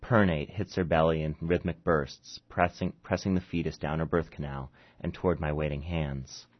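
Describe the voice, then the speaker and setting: A very deep-voiced man reads his own short story aloud, steady in the prose and halting with fillers when he chats. The recording is dull and lo-fi.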